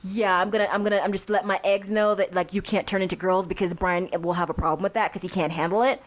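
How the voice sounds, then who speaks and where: A young woman co-hosting a podcast in casual comedic chat, animated and profane, often slipping into mocking voices. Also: mid-range voice, quick pace. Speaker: podcast co-host.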